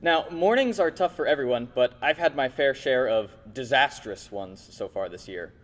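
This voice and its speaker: A man's voice: mid-range voice, animated, normal speed. Male teacher giving an earnest, lightly funny award tribute, heard with a long hall echo. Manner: warm, lightly humorous, earnest. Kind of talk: prepared award speech.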